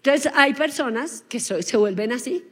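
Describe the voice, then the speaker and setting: A woman preaching a sermon, lively and often asking the congregation questions. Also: high voice, normal speed, slightly rough. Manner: lively, asks the audience questions. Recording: long hall reverb.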